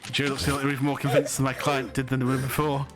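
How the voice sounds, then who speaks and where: Casual mid-pitched game co-player. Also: completely flat delivery, rapid-fire, music in the background. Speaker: guest co-player reading a game part. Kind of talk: casual, hesitant let's-play chat and read-aloud.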